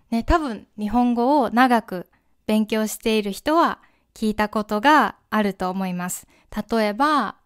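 A young woman hosts a language-learning podcast, talking slowly and clearly for her listeners. Her voice sits a little high, and her manner is gentle and friendly. Now and then she acts out short example phrases. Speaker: podcast host teaching Japanese. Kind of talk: slow, clear explanation for learners.

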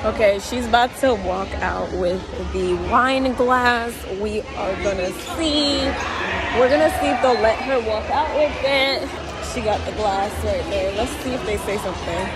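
A woman's voice: fairly high pitch, measured pace, over loud music, over a noisy crowd. A woman talking casually and upbeat in slangy vlog chat, her voice a little worn. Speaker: vlogger.

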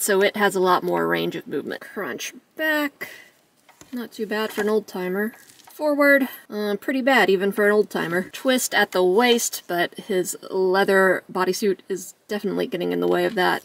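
A woman's voice: fairly low pitch, vocal fry, distant mic. A woman reviewing toys in a chatty, jokey way, laughing often. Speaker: toy reviewer. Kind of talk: casual toy review.

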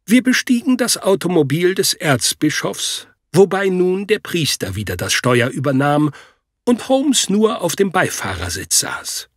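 Husky, slow-paced male audiobook narrator. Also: high-pitched, very animated, no echo, studio quality. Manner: first-person storytelling. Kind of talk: scripted narration.

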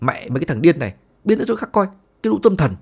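A man doing an arrogant young boyfriend, snapping, insulting, high and shouty, storytelling role. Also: animated, very fast. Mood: angry.

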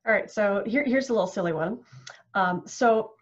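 A woman's voice: mid-range voice, normal speed. A woman hosting an interview, asking friendly, playful questions. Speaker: interviewer host. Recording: dull lo-fi audio.

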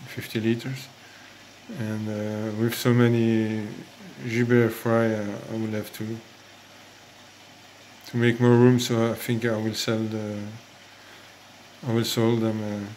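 A man with a French accent speaks slowly and hesitantly, often stopping to restart a phrase. His voice is mellow and his pitch stays flat, with faint ambient noise behind him. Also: rough recording. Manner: hesitant, many fillers and restarts. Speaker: fish breeder. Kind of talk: casual hobby vlog.

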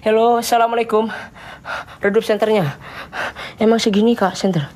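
A man's voice: sits high, steady tone, normal speed, a little mellow. A young man hosting a night ghost-hunting vlog in an abandoned house, taunting the spirits and muttering prayers.

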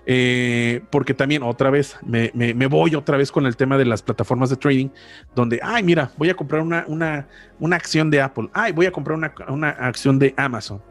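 A man in his thirties, Mexican-accented, hosts a casual finance podcast, regularly correcting himself as he explains things. He speaks at medium pitch and normal speed close to a large boom-arm studio microphone, with soft background music.

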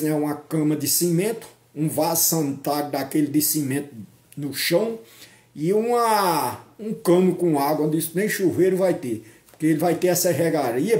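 Holding his phone camera at arm's length on a tree-lined park road, an older man from Brazil's Northeast offers casual political commentary. His voice is a little high and mellow, the audio reverberant, and he chats mockingly, ending his remarks with tag questions.

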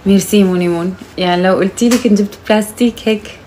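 A young Moroccan woman with a Moroccan accent, chatting casually and teasingly on a live stream, now and then calling out loudly to her mother. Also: mid-range voice, steady tone, rapid-fire, slight background noise.

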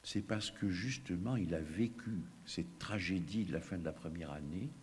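A man, a child psychiatrist, gives an animated, emphatic conference lecture with asides to the audience. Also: deep voice, normal speed. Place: lecture hall. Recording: long hall reverb, faint background noise.

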